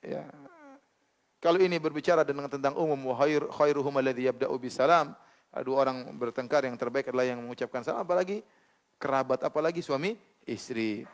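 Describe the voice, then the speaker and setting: A man giving an informal Islamic sermon, swinging from quiet asides to loud, animated exclamations. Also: mid-range voice, a little fast. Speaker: Islamic preacher.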